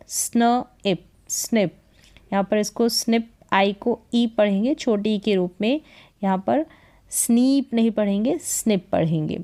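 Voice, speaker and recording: Woman, phonics teacher, very slow, smooth clear voice, sounds out each syllable. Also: medium pitch, darkish tone. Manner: sounds words out syllable by syllable, asks and answers herself. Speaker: English reading teacher.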